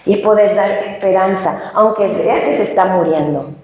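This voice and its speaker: Woman preacher from Paraguay, storytelling sermon, mid pitch, roomy lo-fi sound. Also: normal speed. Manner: animated storytelling with rhetorical questions. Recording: echoey room, dull lo-fi sound.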